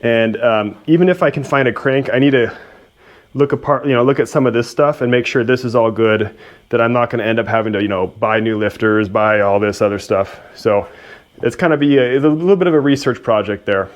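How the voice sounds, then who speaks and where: A male repair-video host keeps up a brisk, casual narration as he fixes machinery in his workshop, cracking self-deprecating remarks along the way. His pitch is medium.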